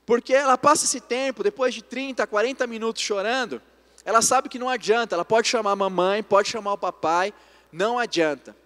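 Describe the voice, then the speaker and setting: Brazilian pastor guy telling stories in church, kinda high voice, long echo. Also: brisk, pushed and bright. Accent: Brazilian Portuguese. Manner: storytelling, addresses congregation as brothers. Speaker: preacher. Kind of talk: sermon.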